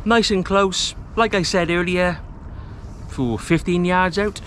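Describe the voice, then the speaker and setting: A man in his thirties from Wales, chatting easily to the camera outdoors on a rocky estuary shore while he fishes, relaxed and self-deprecating. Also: high voice, slow pace, slight background noise. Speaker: fishing vlogger. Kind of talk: casual talk to camera. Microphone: camera mic, close framing.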